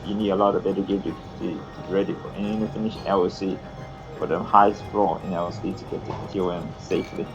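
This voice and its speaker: A man's voice: low-pitched, steady tone, fast talker, dull audio, music in the background. A man on a voice call, casually giving hesitant, repetitive game advice. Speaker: friend on a voice call. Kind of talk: casual gaming chat.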